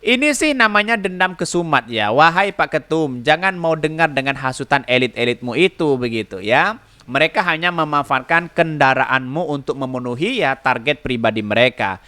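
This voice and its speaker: A man's voice: on the high side, lively intonation, normal speed, pushed and bright. A man hosting a solo political podcast, chatty, chuckling often as he reads out viewer comments.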